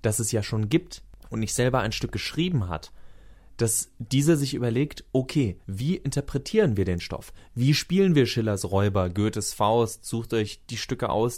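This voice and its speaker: A man's voice: medium pitch, darkish tone. Opinionated, playful German-speaking man. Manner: opinionated, playful, with mock-voiced quotes. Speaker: podcast co-host. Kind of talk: casual discussion.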